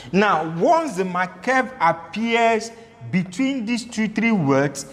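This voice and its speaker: A man giving a Hebrew grammar lecture, repeating his points and asking the class questions. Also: high-pitched. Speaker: Hebrew teacher. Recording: echoey hall.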